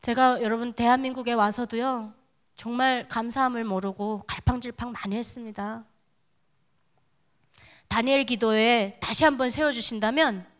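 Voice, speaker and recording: A woman's voice: on the high side, a bit bright. A young woman from Korea, giving a dramatic, vivid testimony at a prayer meeting and speaking straight to the audience. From North Korea. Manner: vivid, dramatic storytelling that addresses the audience directly. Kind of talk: testimony sermon.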